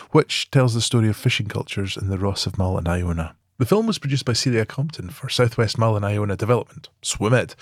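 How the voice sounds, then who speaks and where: A man hosting a podcast, reading his introduction in an earnest, clear way. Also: fairly low pitch, no echo, clean studio sound. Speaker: podcast host.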